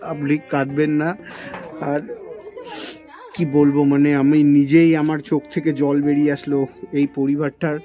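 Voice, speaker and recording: Gentle man consoling a family. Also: a little high, completely flat delivery, measured pace, pauses often, soft background music. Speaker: social work vlogger interviewing a needy family. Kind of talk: casual interview.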